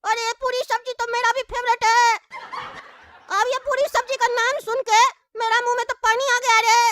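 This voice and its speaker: A woman's voice: extremely high pitch, flat delivery, normal speed, fairly bright tone, a little hiss or hum. A woman voicing a cheeky, greedy young child who chatters to the viewers. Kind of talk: cartoon voice acting.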